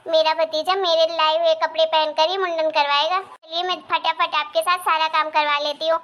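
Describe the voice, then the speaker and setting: Bright, high-pitched cartoon daughter, eager and loyal, voiced by a woman. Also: flat delivery, normal speed, lo-fi sound, soft background music. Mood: insistent. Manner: eager, reassuring. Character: cheerful, loyal young married daughter. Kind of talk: animated cartoon voice acting.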